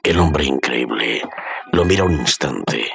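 Male radio serial narrator, very low creaky voice, dramatic scripted delivery over music. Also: expressive, slow pace.

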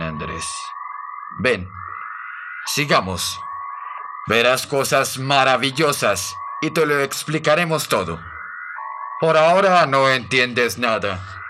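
A man voicing a calm, commanding male alien aboard a spaceship, speaking slowly and soothingly in a radio drama. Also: mid-range voice. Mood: calm, coaxing. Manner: slow, soothing, authoritative. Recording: music playing underneath.

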